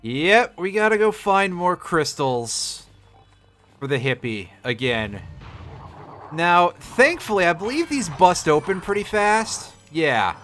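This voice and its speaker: A man with a bright, forceful voice commentates casually on a video game over music. His delivery is animated and sardonic, like a streamer grumbling to viewers. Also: high-pitched, slow pace. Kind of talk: casual live gameplay commentary.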